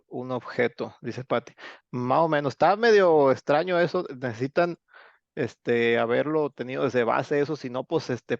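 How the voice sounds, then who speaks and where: A man's voice: mid-range voice, vocal fry, no room sound. A man with a Mexican Spanish accent teaching an online English class, chatty and explanatory with many fillers. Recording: dull, lo-fi online class audio.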